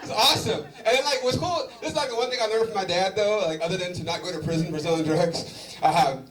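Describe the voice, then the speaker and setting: A Southern California comedian with a high-sitting voice talks fast through a loose, chatty stand-up set, full of fillers and animated banter with the crowd. The distant, roomy recording of the venue catches crowd noise and laughter.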